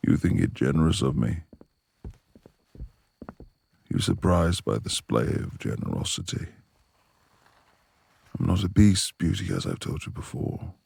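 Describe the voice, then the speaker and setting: Teasing yet courteous, the man plays a proud, quick-tempered, brooding lord who lives alone like a beast, speaking in stately old-fashioned language for a romantic ASMR roleplay. His husky, gravelly voice is low and darkish with big swings in pitch, delivered in an exaggerated way over slight background noise.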